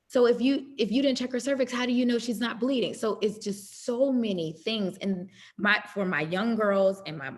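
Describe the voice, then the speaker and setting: A middle-aged woman health care provider speaking on a panel discussion, animated and quick, acting out talks with patients and doctors. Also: mid-range voice.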